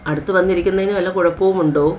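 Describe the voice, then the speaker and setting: A woman voicing a caring young husband who gently reassures his new wife in a story. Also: fairly low pitch, fairly even intonation, racing, a little hiss or hum, lightly acted. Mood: gentle.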